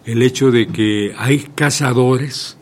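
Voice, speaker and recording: A man's voice: mid-range voice, slow. A man co-hosting a casual radio chat and asking pointed questions.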